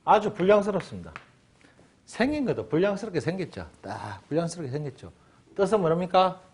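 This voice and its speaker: A man gives a Chinese lesson, his voice sitting a little high and swinging widely up and down. He jokes as he teaches and acts out small scenes. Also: sing-song, fairly quick, a little mellow, slightly rough. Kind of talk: lively classroom lecture.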